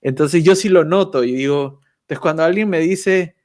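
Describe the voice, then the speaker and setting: A man's voice: a little high, moderate pace, a little mellow. A man chatting as a guest on a video call, thoughtful and self-deprecating, often ending phrases with a questioning "right?". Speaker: guest YouTuber. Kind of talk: casual chat.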